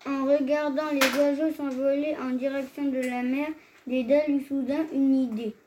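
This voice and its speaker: A woman tells an old myth aloud, reading in a measured yet expressive manner. Her voice is high and mellow, with a faint hum of ambience underneath. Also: rough recording. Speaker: storyteller.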